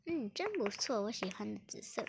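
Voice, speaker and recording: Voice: medium pitch, big pitch swings, moderate pace, creaky. A player giving casual game commentary, chatting to themself in a playful way. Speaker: gameplay commentator. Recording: loud background noise, clicks.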